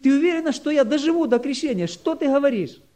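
Man voicing a calm, earnest young conscript. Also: very high voice, fast talker, pitched above the performer's own voice.

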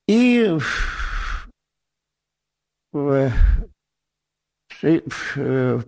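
Slow halting man in his eighties. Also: fairly high pitch, darkish tone. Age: 80s. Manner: halting, many restarts and hesitations. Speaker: presbyter. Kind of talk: testimony in church.

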